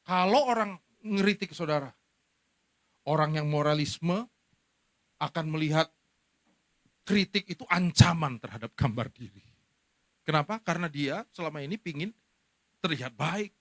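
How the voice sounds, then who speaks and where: A middle-aged man preaching as a pastor to a congregation, telling stories in an animated way. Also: fairly high pitch, normal speed, long pauses, dry recording. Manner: animated storytelling, acting out quoted speech. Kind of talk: sermon.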